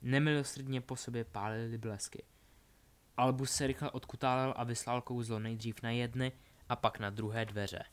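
Brief: male storyteller, steady plain narration, mid pitch. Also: smooth. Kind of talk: reading a story aloud.

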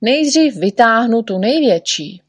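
A woman's voice: on the high side, animated, husky, no room sound, studio quality, voice pushed up. A woman voicing a fussy, patient little male doctor who soothes and chides his patient. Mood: soothing. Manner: soothing, chiding.

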